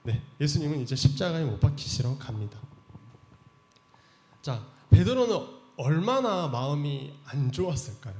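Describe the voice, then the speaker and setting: Animated man preaching in an echoey church. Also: a little high. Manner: animated retelling that acts out the characters' voices, chatty. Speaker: youth pastor. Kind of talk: storytelling sermon for teens.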